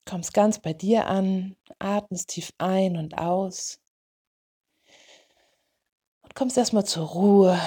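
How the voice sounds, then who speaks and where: A woman leading a guided meditation in a soothing, gentle way, in short unhurried phrases. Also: on the low side, husky. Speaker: meditation guide for dog owners.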